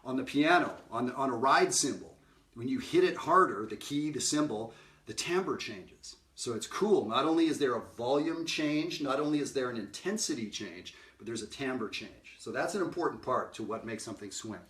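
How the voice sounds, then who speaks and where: A man's voice: mid-range voice, animated, normal speed, a bit bright, far from the mic. A middle-aged man giving a casual jazz lesson, talking conversationally, singing note examples and often asking "right?". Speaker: jazz educator. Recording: roomy sound from off-mic.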